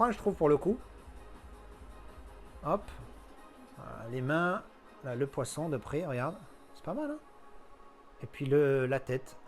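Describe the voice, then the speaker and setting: A man showing off his collector purchases in a casual unboxing chat, slangy and thinking aloud as he goes. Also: a little high.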